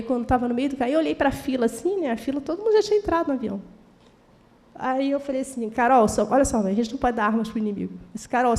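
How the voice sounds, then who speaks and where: An older Brazilian woman preaching a sermon, telling personal testimony in a lively storytelling way and acting out the dialogue. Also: a little high, big-room sound. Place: church hall.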